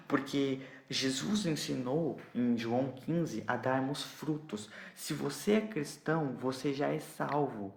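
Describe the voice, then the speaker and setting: A man's voice: mid-range voice, gravelly, roomy sound. A man with a Brazilian Portuguese accent preaching an expository sermon, explaining a scripture passage and often checking that listeners understand. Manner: explanatory, asks listeners "entendeu?".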